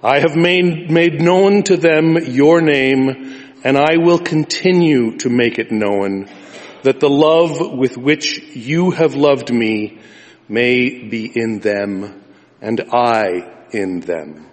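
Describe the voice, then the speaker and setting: A male pastor leading a liturgy and reading the gospel in a slow, solemn, drawn-out manner, with cathedral echo. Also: mid-range voice. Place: large church sanctuary. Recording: long reverb of a large church.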